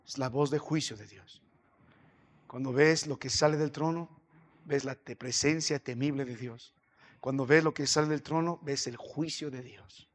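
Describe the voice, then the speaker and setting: A man with a Peruvian Spanish accent preaching a sermon as pastor, rising into loud, impassioned reading. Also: mid-range voice, fairly even intonation, moderate pace, in a large hall. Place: church.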